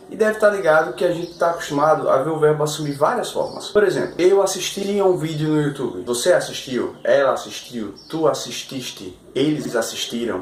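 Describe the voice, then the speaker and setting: A man teaching an online language lesson, upbeat, explaining step by step and often asking the viewer questions. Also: fairly high pitch. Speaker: English teacher. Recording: roomy echo, faint ambient noise.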